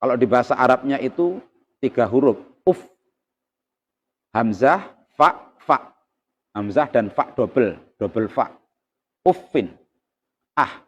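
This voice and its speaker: A man, giving a calm, measured Quran exegesis lesson as a teacher. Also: mid-range voice. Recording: slightly dull lo-fi recording.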